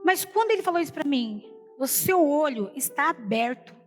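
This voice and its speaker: A woman's voice: high-pitched, animated, normal speed, in a large hall, faint music behind. A woman preacher giving an emotional personal testimony in a sermon, retelling the story with many repeated quotes, speaking Brazilian Portuguese. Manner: storytelling, repeats "falei assim".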